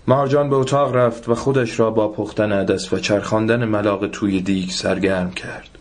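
Low-voiced male story narrator. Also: fairly even intonation. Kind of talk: literary story reading.

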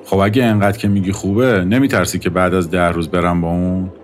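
A man's voice: sits low, flat delivery, close to an everyday voice. A man reading the part of a teasing, doubtful young man who talks half-joking and playful, over faint music.

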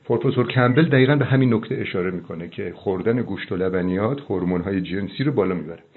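A middle-aged man, a doctor, giving earnest, preachy advice on a phone call, slowing down for emphasis. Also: low-pitched. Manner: fervent, preachy, slows down for emphasis. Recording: tinny phone line.

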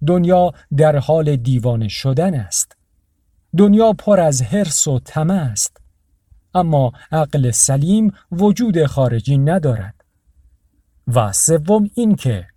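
A man's voice: fairly high pitch, mellow, no echo, studio quality. A man voicing a laid-back, boastful homeless man who claims to be a surfer and tycoon.

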